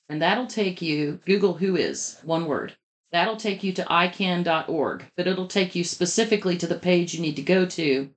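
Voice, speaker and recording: A woman giving step-by-step advice in a conversational interview, talking quickly and in detail. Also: fairly low pitch. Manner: brisk, explains step by step, talks fast. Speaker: guest expert on publishing scams.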